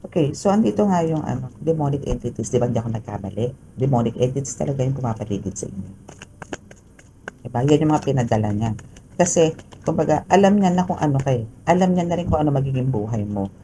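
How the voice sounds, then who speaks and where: A tarot reader with a Filipino accent talks through a casual reading in a very dark, mellow tone with a gravelly fry underneath. The delivery is chatty, with fillers and a steady run of tag questions to the viewer. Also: medium pitch, a little hiss or hum, poor audio.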